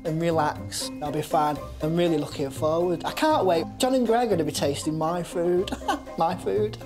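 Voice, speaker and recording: An excitable British man on a cooking show chatters about his dish with nervous giggles. Music plays beneath him. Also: a little high, moderate pace. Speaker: contestant. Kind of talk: interview and casual chat. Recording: music under the voice.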